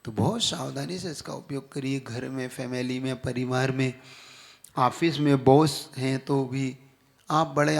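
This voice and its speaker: Male monk teaching a sermon class, raised gravelly voice, animated, keeps checking the audience follows. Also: a little high. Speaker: Jain monk giving a scripture class.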